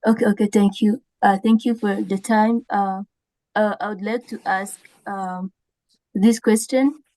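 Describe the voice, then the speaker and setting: A woman's voice: mid-range voice, steady tone, a little slow, mellow, dry recording, low-quality recording. A woman attendee asking a formal, tentative question on a webinar video call.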